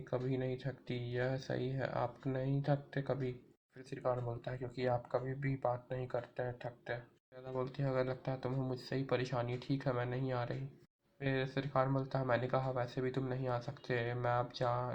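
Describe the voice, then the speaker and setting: Man, episode recap narrator, reads all characters' lines himself, very flat delivery, muffled lo-fi audio. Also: mid-range voice, normal speed, a little hiss or hum. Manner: retells the scenes in sequence, reading each character's lines himself.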